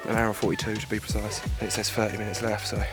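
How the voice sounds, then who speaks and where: A man's voice: fairly low pitch, little pitch movement, fast talker, music in the background. A young man vlogging outdoors on a mountain hike, chatty, swearing and out of breath. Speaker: travel vlogger. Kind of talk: casual travel vlog.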